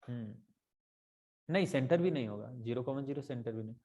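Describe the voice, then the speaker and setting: A man's voice: medium pitch, a little fast, mellow. A male math tutor explaining step by step in a casual tutoring lesson, often checking whether his students follow and mixing in English math terms.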